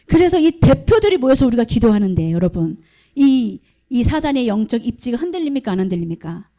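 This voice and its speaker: A woman's voice: fairly high pitch, sing-song, a little fast, mellow. A middle-aged woman pastor preaching a sermon at a prayer meeting, emphatic and questioning the congregation. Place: church hall.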